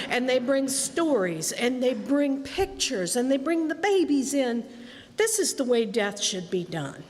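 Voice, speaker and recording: A woman, a nurse, telling a live story on stage with a wry, dryly funny delivery. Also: medium pitch. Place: stage in a hall before a live audience. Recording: reverberant hall with faint room noise.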